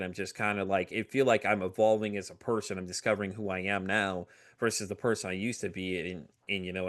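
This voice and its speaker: Low-voiced middle-aged man, candid storyteller. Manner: animated, acts out quoted voices, frequent fillers. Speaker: podcast guest.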